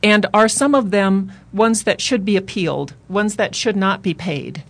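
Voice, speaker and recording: A woman's voice: mid-range voice, a little slow. An American woman, a researcher, explaining her work in an unscripted interview. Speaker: university researcher, interview guest.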